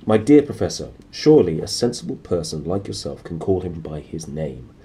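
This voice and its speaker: Man playing a gentle, courteous old storybook wizard. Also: deep voice, big pitch swings. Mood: reasonable. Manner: mild, unhurried and politely amused. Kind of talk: children's storybook character voice.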